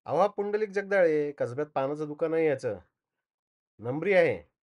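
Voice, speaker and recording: Man playing an excitable gossipy shopkeeper. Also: fairly high pitch, moderate pace, close to an everyday voice. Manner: loud, exclaiming, gossipy. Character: excitable male bicycle-shop owner, gossipy. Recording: slightly dull lo-fi recording.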